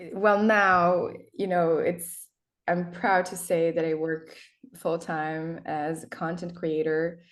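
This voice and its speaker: A chatty Brazilian woman with a lower voice, whose first language is Portuguese, appears as a guest in a casual interview. She's an erotic writer who laughs often and talks with many fillers and restarts.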